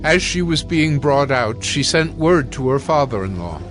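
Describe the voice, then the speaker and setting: This man's voice, at a typical male pitch, narrates scripture expressively and at a moderate pace. The delivery resembles a scripted audio drama, backed by soft music.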